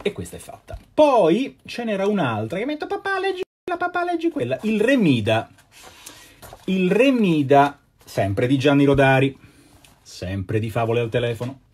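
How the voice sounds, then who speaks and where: An actor and voice actor reading children's fables aloud live, in a playful, theatrical manner with chatty asides. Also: male voice, mid-range voice, sing-song, normal speed, darkish tone, slightly rough.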